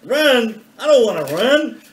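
A man's voice: a little high, very animated, quick pace, fairly bright tone, a little hiss or hum. A man playing a simple, eager father figure. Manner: repetitive, childlike answers.

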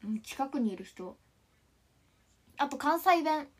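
Her voice sits high with lively intonation, and she takes it slowly. She's a young woman from Ishikawa, Japan, in her twenties, chatting casually on a livestream while giggling and reading comments aloud, in mostly standard Japanese that slips into Kansai touches.

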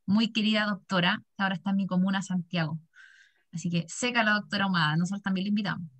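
A Chilean woman in her thirties hosts a video call from a small bright office and talks into her laptop mic. She chats along and reads out comments from the chat with lively ease. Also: medium pitch, fast. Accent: Chilean Spanish. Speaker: session moderator. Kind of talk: warm moderating of a video call. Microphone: laptop webcam mic on a video call.

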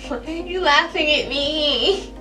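A woman's voice: high voice, a little slow, pushed and bright. A young woman chatting casually in a giggly, tipsy way. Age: young adult. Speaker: makeup challenge vlogger. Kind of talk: casual chat. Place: small indoor room at home. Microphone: camera a few feet away. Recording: distant camera mic, music behind.

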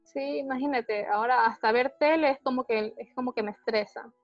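A woman's voice: fairly high pitch, no room sound, faint music behind. Hesitant woman on a dull lo-fi line. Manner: hesitant, halting, many restarts and fillers. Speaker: interviewee describing her panic attacks. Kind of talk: personal testimony in a conversation.

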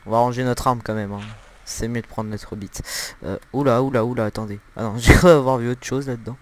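Fairly quick and steady in tone, a young gameplay commentator with a medium-pitched voice gives giggly, crude let's-play commentary at home. He uses lots of fillers and laughs into a desktop mic.

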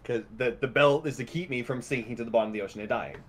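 A man's voice: mid-range voice, very fast, slight background noise. A man chatting casually and jokingly as a player in a tabletop game.

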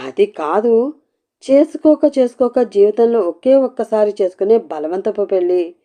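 A woman's voice: mid-range voice, expressive, measured pace, mellow, natural voice. A woman voicing a cheeky, meddling young woman who talks in a brash, teasing way.

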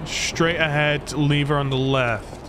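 It's a casual gameplay stream: a Scottish man plays and chats with viewers, wandering off topic and poking fun at himself. He talks slowly, his voice a little high and his intonation fairly even. Background noise is noticeable throughout.

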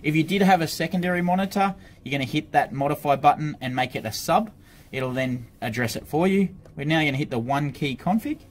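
An intercom supplier's product demonstrator, an Australian man, runs through a casual hands-on tutorial at an indoor office desk and chats informally about every step. His voice sits on the high side and sounds animated, and he moves fairly quickly. You can clearly hear background noise and room ambience.

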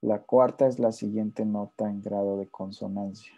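A man teaching a relaxed music theory lesson, explaining step by step and often checking in with his listeners while playing examples on guitar. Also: lowish voice, moderate pace, highs cut off. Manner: plays intervals on guitar between phrases.

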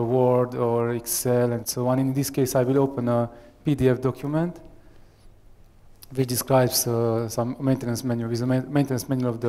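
A software architect in his thirties with a Romanian accent runs a live tech demo for an audience in a large conference room, speaking into a headset mic at medium pitch. He's hesitant, with many fillers and restarts, and the hall adds long reverb.

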